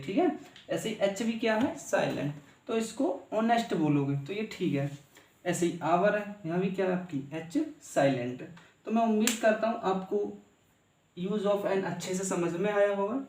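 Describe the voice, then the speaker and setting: A man teaching a grammar lesson, asking questions and answering them himself, repeating key words slowly. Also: high-pitched, darkish tone, recorded from a distance. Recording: echoey room.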